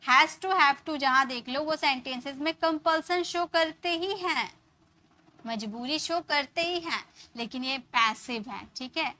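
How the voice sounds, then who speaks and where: A young Indian woman teaching a live spoken-English class, explaining in Hindi and slowly spelling out English example sentences. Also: high-pitched, pushed and bright.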